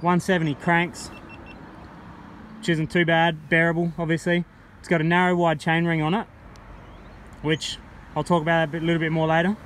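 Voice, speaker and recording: Aussie guy riding a trail, chatty and relaxed, bit of wind hiss on the action cam. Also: on the high side, normal speed, pauses often. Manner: relaxed and chatty, gets excited while riding. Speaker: mountain bike vlogger. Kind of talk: casual ride-along bike review. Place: outdoors on a bush bike trail. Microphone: helmet or bike-mounted action camera. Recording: faint wind noise on the mic.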